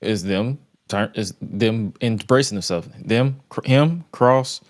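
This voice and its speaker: A man's voice: on the low side, slow. A man co-hosting a podcast in a casual group chat, blunt, opinionated and slangy. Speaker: podcast co-host.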